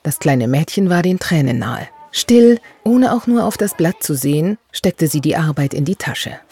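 A woman reading a children's story aloud in an expressive, melodic way. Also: low-pitched, normal speed, gravelly, a little hiss or hum. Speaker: narrator. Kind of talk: storybook narration.

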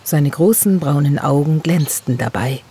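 A woman reading a children's story aloud in an expressive, melodic way. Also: deep voice, unhurried, a little hiss or hum. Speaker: narrator. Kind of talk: storybook narration.

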